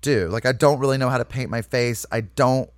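A man's voice: mid-range voice, a little fast, dry recording. Chatty guy guest, rambly with lots of fillers, medium voice, dry close sound. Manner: rambling, full of "you know" and "like", lively asides. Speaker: comedic actor guest. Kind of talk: casual interview chat.

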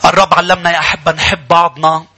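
A pastor preaching a sermon in church, animated and calling out to his congregation. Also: a little high, fast talker.

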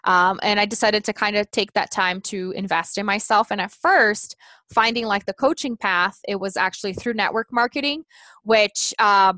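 A Portuguese-speaking woman in her thirties, a life coach, talks earnestly as a guest in a casual interview chat, thinking aloud with restarts and frequent "you know"s. Her voice is medium-pitched, bright and forceful, at a moderate pace, with no echo.

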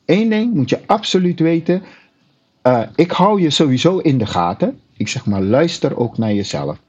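Husky, animated man telling stories. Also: fairly high pitch, normal speed, lo-fi sound. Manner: animated, acts out clients in quoted voices. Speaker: personal trainer. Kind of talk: casual storytelling chat.

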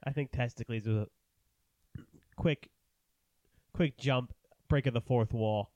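A man playing a tabletop game, improvising in a casual, deadpan way with crude jokes. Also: mid-range voice, slow pace, dry recording, dull audio. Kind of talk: casual improvised role-play chat.

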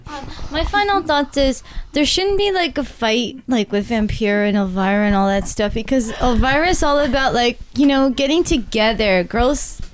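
Sassy woman on a podcast, high and super animated, playful vibe. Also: moderate pace, slight background noise. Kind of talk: casual chat.

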